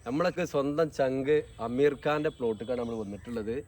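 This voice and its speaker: A man's voice: medium pitch, quick pace, darkish tone. A man with a Malabar Malayalam accent chatting casually as a vlog host outdoors, dropping English words into his Malayalam. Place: outdoors on a rural plot. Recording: distant mic, faint outdoor noise.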